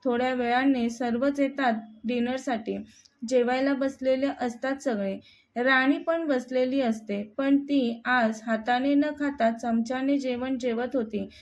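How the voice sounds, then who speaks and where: Woman storyteller, high pitch, steady narration, scripted reading. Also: unhurried.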